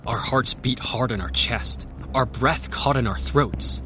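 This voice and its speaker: An actor playing an earnest adventurer who narrates a tense audio drama in the first person. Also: male voice, mid-range voice, measured pace, sharp tone, a little hiss or hum. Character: earnest male adventurer recounting a tense story. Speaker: narrator and lead character.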